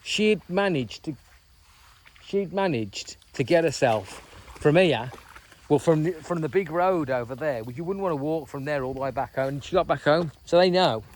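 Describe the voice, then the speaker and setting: A man's voice: a little high, animated, normal speed. A man chatting in a rambling, casual way on a walking vlog outdoors by a reservoir. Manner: rambling, chatty, full of "you know what I mean". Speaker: vlogger.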